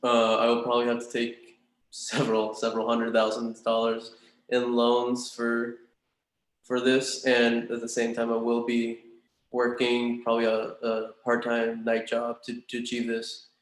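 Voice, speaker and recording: A big room echo surrounds this young man's voice. He speaks at a middling pitch with a very flat, even intonation. His manner is polite and earnest, with some hesitation, as in a formal interview. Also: unhurried. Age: 20s. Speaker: student in a practice job interview. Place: room in a large house.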